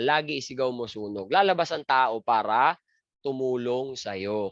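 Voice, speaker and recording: A man's voice: mid-range voice, fairly bright tone, no echo. Crude joking man lecturing. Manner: joking, crude, asks and answers his own questions. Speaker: review lecturer. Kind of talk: exam review lecture. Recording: dry, muffled lo-fi lecture audio.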